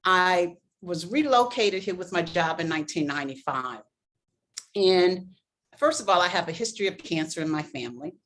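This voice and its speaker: An older woman from Boston, slightly low in pitch, speaking as a guest on an interview podcast. She speaks earnestly and gratefully, in a measured, steady way. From Boston, East Coast. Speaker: life coach guest.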